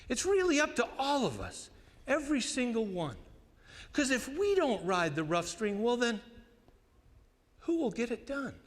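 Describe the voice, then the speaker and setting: Male cowboy poet, higher-pitched Western twang, folksy and unhurried delivery with dramatic pauses, recitation in a reverberant hall. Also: fairly bright tone. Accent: American West cowboy twang. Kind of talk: cowboy poetry recitation to an audience.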